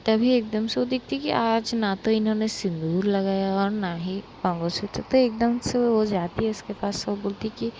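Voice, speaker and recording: A young woman narrating a love story in a relaxed, chatty way, full of fillers. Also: medium pitch, moderate pace, hardly any pauses, slight background noise, poor audio.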